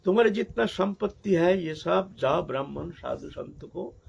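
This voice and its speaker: A man voicing a calm old saint who gently reassures a penitent woman, in a dull lo-fi recording. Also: high voice, moderate pace, creaky, husky, exaggerated voice.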